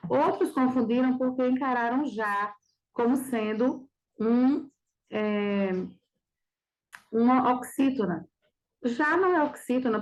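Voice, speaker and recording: High-voiced woman teacher, didactic. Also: rough recording. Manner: didactic, with frequent checking questions. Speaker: Portuguese teacher. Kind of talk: reviewing a practice exam.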